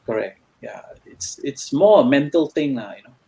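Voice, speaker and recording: A man's voice: medium pitch, lively intonation, normal speed, vocal fry, warm tone. Singaporean man, hesitant tutor talk. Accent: Singaporean English. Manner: hesitant, many fillers and restarts. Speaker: guest tutor. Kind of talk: casual interview chat.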